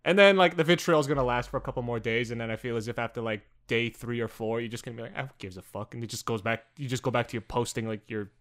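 A man's voice: medium pitch, racing, few pauses, a bit bright. A young man co-hosting a podcast, rambling and teasing with lots of fillers in crude casual banter. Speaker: podcast co-host.

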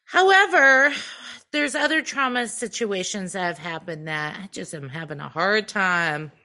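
A woman's voice: mid-range voice, lively intonation, a little slow, sharp tone. A woman co-hosting a podcast, talking candidly in casual chat, swearing freely and leaning on fillers like "like" and "um". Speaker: podcast co-host.

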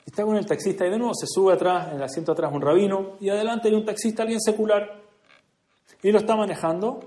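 A man giving an earnest religious speech to a gathering, moving between hushed and emphatic delivery. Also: high-pitched, quick pace. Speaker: speaker at a community prayer gathering. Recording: echoey room.

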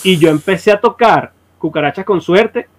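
Venezuelan man, musician guest, slangy animated storyteller, slightly high voice. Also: normal speed. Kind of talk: casual chat.

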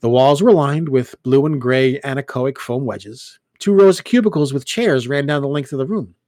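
A man reading first-person fiction aloud, with expressive storytelling as an audiobook reader. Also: mid-range voice, normal speed, no room sound, clean studio sound.

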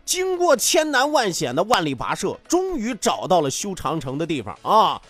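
Animated chuckling male radio storyteller. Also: high voice, moderate pace, no echo. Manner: animated, chuckling, frequent tag questions. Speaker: radio host. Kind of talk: comic folk-tale storytelling.

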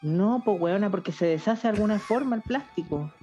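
A woman's voice: mid-range voice, lively intonation, fairly quick, mellow. A young adult woman with a Chilean accent, chatting casually as a podcast co-host, joking and rambling in heavy slang. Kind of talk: casual chat. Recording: dull lo-fi sound with faint music.

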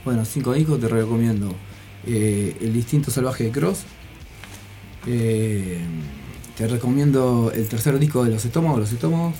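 A man chats as a radio guest, rambling through his answers with plenty of fillers. His voice is dark and mellow. Faint music plays underneath. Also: mid-range voice, moderate pace. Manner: rambling, hesitant, many fillers. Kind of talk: casual radio interview.

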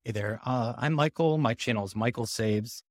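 A man's voice: mid-range voice, normal speed, no echo, studio quality. A man introducing himself as a guest in an easygoing, plainspoken way. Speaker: guest YouTuber.

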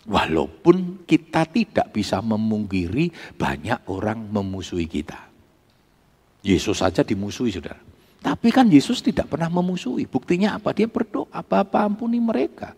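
A man's voice: on the low side, wildly swooping pitch, normal speed, darkish tone, husky. A male pastor, preaching an emphatic sermon and calling out to the congregation. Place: church. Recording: long reverb of a church hall.

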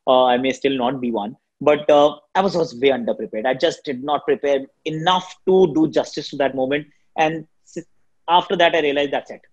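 With the highs cut off in the recording, a shrill, quick-talking cricket commentator from Delhi answers interview questions energetically. He has an Indian accent, and Hindi is his first language.

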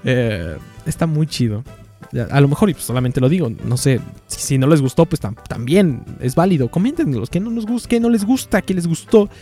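A man's voice: on the high side, a little fast. A man with a Mexican accent reads a baroque poem aloud with feeling, then comments on it casually to his viewers. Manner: expressive, swinging between soft and loud, animated asides to viewers. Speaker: poetry reader and commentator. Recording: long reverb with faint music.

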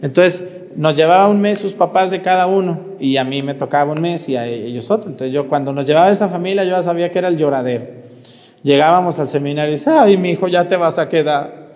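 A Mexican parish priest giving a folksy sermon full of stories and rhetorical asides. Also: male voice, fairly high pitch, fast talker, darkish tone. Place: church. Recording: long church reverb.

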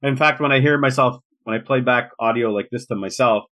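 A man's voice: mid-range voice, brisk, pushed and bright. A man from Montreal hosting a podcast interview, casual and hesitant, often restarting his sentences. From Montreal, Quebec. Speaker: podcast host.

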